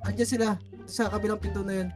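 A woman in casual chat playing a horror game with friends, laughing and quickly explaining what to do. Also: mid-range voice, steady tone, over music. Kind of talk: casual multiplayer gaming chat.

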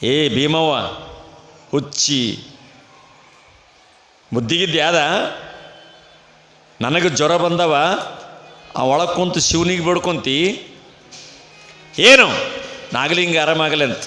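A feverish old holy man scolds and calls out insistently in a North Karnataka accent, voiced by a male preacher. The tone is bright and forceful. It sounds over an echoey festival PA with a long reverb. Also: fairly high pitch, takes it slowly, pauses often. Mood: scolding. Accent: North Karnataka Kannada. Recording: echoey festival PA, faint noise.

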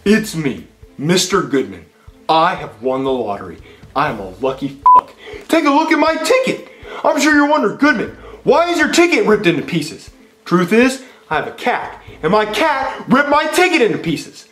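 A blustering, greedy landlord, as a man plays him for a puppet comedy, pompous and mock-menacing. His voice sits high and leaps wildly up and down, and it rings in an echoey room. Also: very animated, moderate pace, fairly bright tone, soft background music. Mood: gloating. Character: greedy blustering middle-aged male landlord. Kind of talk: comedy puppet-show acting.

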